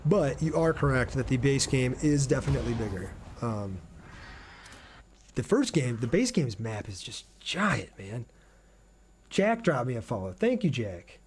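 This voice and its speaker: While livestreaming a video game, a man from Ohio with an American accent chats casually, speaking directly to his viewers. His voice is mid-range with a darkish tone.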